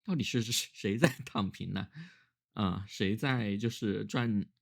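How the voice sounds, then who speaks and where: A man's voice: on the low side, slow, gravelly. A man who is ill with a cough, talking casually and reflectively on his own in a weary, musing way, as a solo vlogger.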